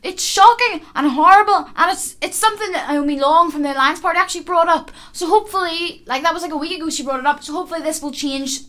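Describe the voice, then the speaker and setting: A woman's voice: extremely high pitch, quick pace, few pauses, pushed and bright. A young woman with a Northern Irish accent co-hosting a casual podcast, talking with passion and restarting her sentences often. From Northern Ireland. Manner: impassioned, rambling with restarts. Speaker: podcast co-host.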